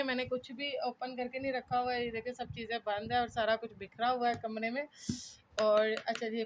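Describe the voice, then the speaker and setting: A woman talking through her study notes in a chatty, casual way at home, with many pauses and fillers while she writes. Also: high voice, a little hiss or hum. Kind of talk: casual explanation while writing. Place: home room.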